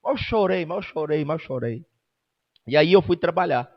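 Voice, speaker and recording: A Brazilian man preaches with fervor at a church service, his voice sitting notably high for a man. He swings from hushed, close storytelling to loud exhortation. The sound comes across dull and muffled, as from a modest church recording. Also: animated, moderate pace, long reverb tail. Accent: Brazilian Portuguese. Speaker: pastor. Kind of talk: sermon.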